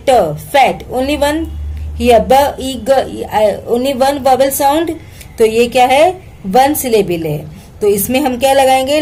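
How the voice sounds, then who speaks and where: A woman with an Indian accent gives a grammar lesson to children, speaking slowly and deliberately. Her voice sits fairly high but has a soft, mellow tone. She keeps asking her pupils questions and answering them herself, spelling words out letter by letter. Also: low-quality recording. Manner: explains in Hindi mixed with English, asks and answers her own questions. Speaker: English teacher.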